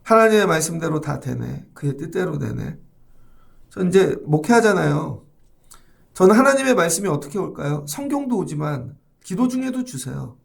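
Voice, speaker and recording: A man's voice: fairly high pitch, big pitch swings, normal speed, gravelly. A middle-aged man preaching a morning sermon as pastor in a church, talking conversationally and speaking to the congregation directly.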